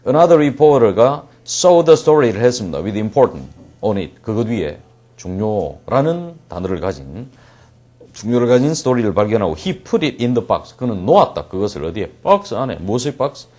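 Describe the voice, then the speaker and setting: A man gives an English reading lecture, his voice moving through a wide, lively pitch range. He reads the English text slowly and deliberately, then explains it briskly. He keeps asking questions and answering them himself. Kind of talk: classroom lecture.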